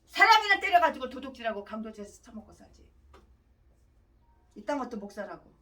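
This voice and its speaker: A woman preacher with a high, sharp, bright voice that keeps swinging from shouted outbursts to low muttering. Her voice sounds a little distant, as if she stands back from the mic. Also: sing-song, a little fast. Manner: ranting, abrupt swings between shouting and muttering. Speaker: pastor. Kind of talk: sermon.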